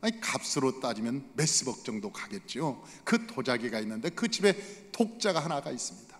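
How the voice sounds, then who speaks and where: A man's voice: medium pitch, sing-song, fairly quick, a bit bright, long reverb tail. A male pastor preaching a Sunday sermon in a church sanctuary, emphatic and full of rhetorical questions to the congregation.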